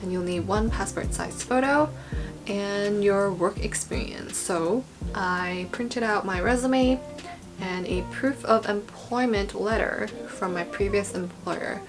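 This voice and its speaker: Speaking slowly at medium pitch, the young adult vlogger explains things in a casual, chatty, rambling way. Background guitar music accompanies her informal informational talk.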